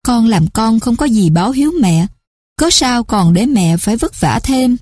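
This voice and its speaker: A woman's voice: on the high side, animated, normal speed, darkish tone, dry recording, clean studio sound. A woman voicing a middle-aged man who pretends to be poor, sly in his thoughts and whining when he pleads. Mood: plaintive.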